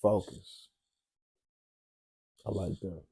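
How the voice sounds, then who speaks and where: A man's voice: sits low, fairly even intonation, very slow, vocal fry, mellow, breathy edge. A man hosting a casual late-night chat, tired and rambling, often searching for words. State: tired, yawning. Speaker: podcast host.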